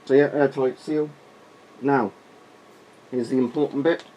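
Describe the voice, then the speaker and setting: A man's voice: medium pitch, steady tone, measured pace, warm tone. A man's voice comes muffled from inside a gas mask as he reviews gear. He speaks as a reviewer giving an informal demonstration. There is faint noise in the recording. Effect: voice muffled through a gas mask.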